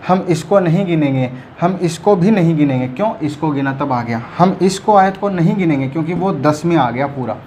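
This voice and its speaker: Male teacher, somewhat high voice, patient and repetitive, keeps checking in with the class, faint hiss behind. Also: lively intonation, moderate pace, hardly any pauses, darkish tone. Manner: explains patiently, keeps checking students follow. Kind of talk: whiteboard math lesson.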